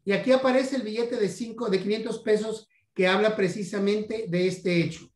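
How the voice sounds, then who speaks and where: A man's voice: high voice, steady tone, a little mellow. A Mexican man giving a history lecture about coins, stumbling over repeated words and fillers. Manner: halting, many repeats and "este" fillers. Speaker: guest numismatics lecturer. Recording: roomy echo.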